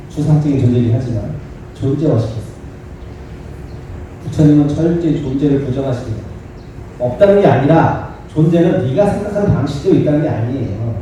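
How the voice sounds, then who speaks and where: A man's voice: mid-range voice, a little fast, mellow, recorded from a distance, slight background noise. A man giving a sermon as a monk. He talks in a conversational way, acts out quoted dialogue and puts questions to the audience. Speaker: monk giving a dharma talk. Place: temple dharma hall. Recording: echoey hall, voice from off the mic.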